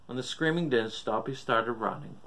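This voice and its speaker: A man's voice: medium pitch, normal speed, fairly bright tone, a little hiss or hum, poor audio. A man reading a scripted horror story as its narrator.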